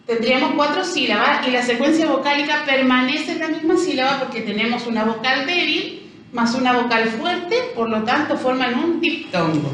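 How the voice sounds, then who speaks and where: A woman with a Chilean accent, a teacher explaining a language lesson and spelling out syllables slowly. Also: high-pitched, expressive, a bit bright, a little hiss or hum. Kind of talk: recorded language lesson review. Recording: echoey room, voice from far off.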